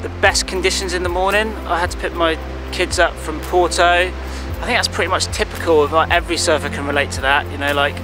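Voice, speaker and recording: Easygoing surfer rambling to camera. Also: male voice, fairly high pitch, fast talker, few pauses, over music, rough recording. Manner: relaxed and rambling, lots of ums and likes. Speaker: big-wave surfer and vlogger. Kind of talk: casual piece to camera. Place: outdoors on a clifftop by the sea at dusk. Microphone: camera close-up.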